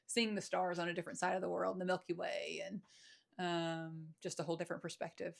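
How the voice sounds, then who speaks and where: A woman with a Southern accent speaks as a podcast guest, reflective and unhurried, often pausing on fillers. Her voice sits low and has a gravelly edge. She keeps her pitch fairly level throughout. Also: level tone. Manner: reflective, hesitant, many fillers. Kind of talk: casual conversation.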